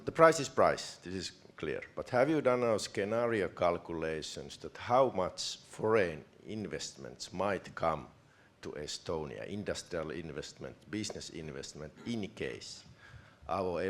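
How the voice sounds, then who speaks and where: A man from Finland, asking a question from the audience at a panel, halting and restarting his phrases. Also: low-pitched. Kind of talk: question from the floor.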